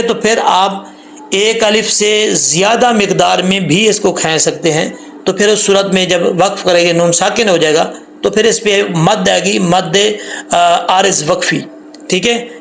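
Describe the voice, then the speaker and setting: A man teaching tajweed rules patiently, repeating points and drawing out the recited syllables slowly. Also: high voice, gravelly, a bit bright, a little hiss or hum. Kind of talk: tajweed lesson with slow recited examples.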